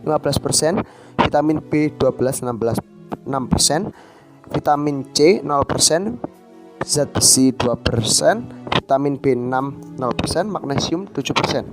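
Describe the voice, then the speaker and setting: A man's voice: mid-range voice, normal speed. A teenage male student reads a scripted school presentation through a face mask, slightly muffled and stumbling on words. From Indonesia. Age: teens. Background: music.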